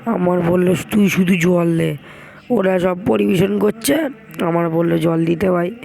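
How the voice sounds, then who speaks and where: A hoarse young man, chatting casually to viewers as he vlogs and calls them brother. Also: high voice, fairly even intonation, measured pace, a little mellow, low-quality recording. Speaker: vlogger. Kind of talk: casual vlog narration.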